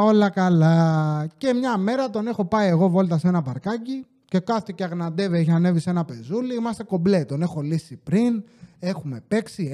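A man's voice: sits high, mellow. A man hosting a podcast who tells rambling comic stories in a casual style, full of profanity and joking rants. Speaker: podcast host.

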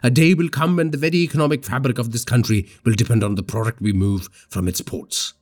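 A man voicing a patient, vengeful male cartel boss who speaks in slow, low, measured threats. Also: steady tone, a little mellow, soft background music, lightly acted. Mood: menacing.

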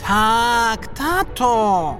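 A cheerful young whale calf, very high, slow, lively. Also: male voice, faint music behind, exaggerated voice. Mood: obedient. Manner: cheerful, dutiful answers. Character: young boy humpback whale, eager and obedient. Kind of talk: storybook reading.

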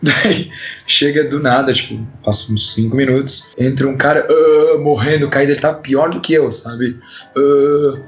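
A man with a Brazilian Portuguese accent telling a funny personal story in casual chat, animated and acting out the people in it. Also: medium pitch, moderate pace, dull audio. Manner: animated, acts out quoted voices.

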